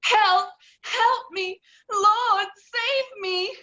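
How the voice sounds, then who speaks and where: An actress playing a helpless, overwrought young damsel in a hammy stage melodrama. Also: female voice, very high-pitched, pushed and bright, muffled recording, exaggerated voice. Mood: distressed. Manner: pleading, slow and melodramatic.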